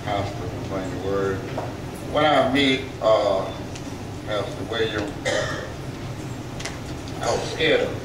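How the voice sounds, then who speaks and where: Older Southern pastor, folksy and joking, heard from across a roomy church with loud background hiss. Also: male voice, lowish voice, slow pace, pauses often. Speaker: visiting pastor. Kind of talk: church remarks. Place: church sanctuary, at a pulpit. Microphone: pulpit mic, filmed by far camera. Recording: echoey church from far off, loud room noise.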